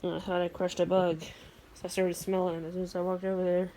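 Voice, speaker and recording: Her voice is fairly low and dark, with a flat delivery and a quick pace, as she rambles casually and matter-of-factly to her phone, half muttering to herself. She is an amateur weather radio vlogger in a room at home at night, captured on a handheld recording with faint background noise.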